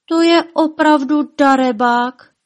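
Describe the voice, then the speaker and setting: A woman's voice: sits high, voice pushed up, natural voice. Woman doing an indignant little butterfly. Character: small kind male butterfly, indignant.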